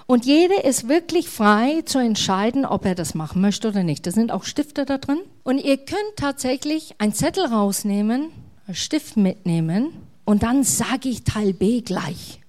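A middle-aged woman pastor, preaching a sermon in a warm, conversational way. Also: on the high side, lively intonation, normal speed.

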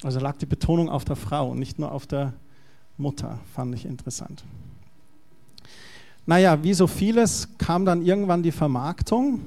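A man's voice: on the high side, normal speed, darkish tone. A male pastor giving a conversational, explanatory sermon.

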